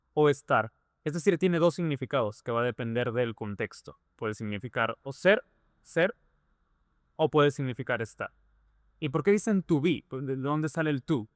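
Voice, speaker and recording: A man's voice: mid-range voice, a bit bright, no room sound, clean studio sound. A man teaching a lesson, explaining patiently and repeating points through rhetorical questions. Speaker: English teacher.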